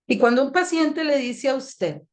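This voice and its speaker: A young adult woman audiologist telling a lively, self-mocking anecdote on a panel, acting out moments as she goes. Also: high voice, moderate pace.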